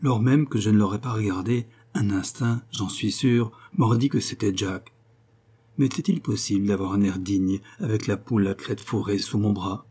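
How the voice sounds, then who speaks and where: A man reading a novel aloud in steady, measured narration. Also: lowish voice, breathy edge. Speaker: audiobook reader. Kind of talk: scripted narration.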